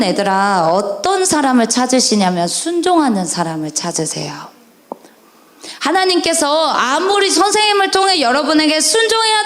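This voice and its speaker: A woman evangelist preaching a sermon to children at a church camp service, animated and constantly questioning her listeners. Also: high voice. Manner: animated, questioning the audience, drawn-out stressed endings. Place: church sanctuary. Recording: echoey church hall.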